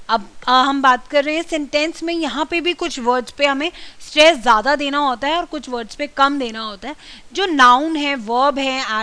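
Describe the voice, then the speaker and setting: A woman lectures a communication skills class. Her voice sits high and sounds bright and crisp. She explains each point patiently, one step at a time. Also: rough recording. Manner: explanatory, drills words with exaggerated stress. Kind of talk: classroom lecture mixing Hindi and English.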